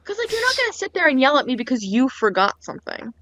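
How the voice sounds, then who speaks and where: A woman's voice: high voice, quick pace. A woman co-hosting a podcast, telling a story with animation and acting out the people in it. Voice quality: animated storyteller who acts out other people's lines. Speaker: podcast co-host. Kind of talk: casual chat. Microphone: internet call. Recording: dull lo-fi internet call audio.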